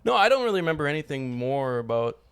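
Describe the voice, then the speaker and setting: A man's voice: fairly high pitch, big pitch swings, fast, clean tone. A man in his twenties co-hosting a podcast, chatting casually, joking and rambling with frequent laughs. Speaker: podcast co-host. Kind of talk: casual chat.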